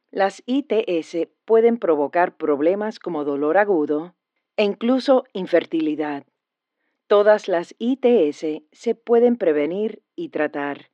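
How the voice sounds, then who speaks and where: A woman reading a scripted health information phone message in a measured, even informational manner. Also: lowish voice, no room sound, muffled recording.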